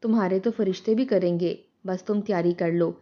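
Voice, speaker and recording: A woman's voice: fairly low pitch, close to an everyday voice. Anxious, fretful village mother voiced by a woman, plain storybook reading, dull sound. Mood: stern. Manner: pleading, fretful.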